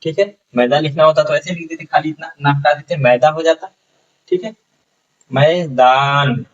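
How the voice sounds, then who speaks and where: A man teaching a beginners' reading lesson, sounding out syllables slowly, repeating each word and often checking that the class follows. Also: a little high, recorded from a distance, highs cut off.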